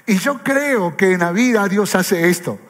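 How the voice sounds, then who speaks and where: A man's voice: sits high, expressive, unhurried, a bit bright. A male pastor preaching a sermon with impassioned, repetitive phrasing. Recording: echoey hall with faint music.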